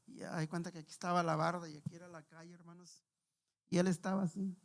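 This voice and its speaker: Preacher with rising and falling volume. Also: male voice, sits high, flat delivery, quick pace. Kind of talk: sermon with testimony and prayer. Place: church sanctuary.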